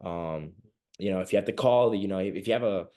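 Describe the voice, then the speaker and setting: A young adult man from Venezuela speaks in a low, mellow voice, a little fast, while guesting on a podcast. The casual interview chat finds him rambling, with many fillers and frequent laughs.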